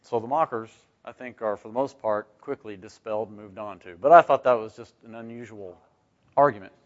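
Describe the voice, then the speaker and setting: Speaking a little fast in a lowish voice, a man teaches scripture to a group in an informal Bible study. He's conversational, questions his listeners rhetorically and tags on "right?", and the lo-fi recording sounds dull and muffled.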